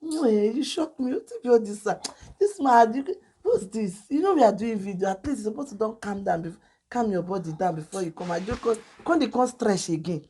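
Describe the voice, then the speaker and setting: A woman's voice: mid-range voice, lively intonation, a little fast, mellow, slightly rough. Young Nigerian woman teasing in Pidgin. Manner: teasing, scolding, Pidgin-mixed chatter. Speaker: vlog co-host. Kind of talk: casual couple chat.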